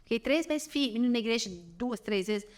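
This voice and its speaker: Young mineira woman telling her church testimony, high voice, earnest storyteller. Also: animated, normal speed. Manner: earnest storytelling, addresses listeners as "gente". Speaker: podcast guest. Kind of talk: emotional personal testimony.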